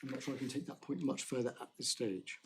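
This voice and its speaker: A man's voice: medium pitch, quick pace, slight background noise, poor audio. A man, a barrister making a careful legal submission in court, stressing key words and restarting phrases.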